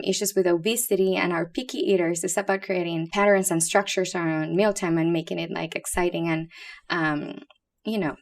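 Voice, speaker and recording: A woman in her thirties from Puerto Rico, a pediatric liver doctor, speaks as a guest expert in a casual podcast interview. She talks candidly and playfully with a Puerto Rican accent, in a lowish, creaky voice.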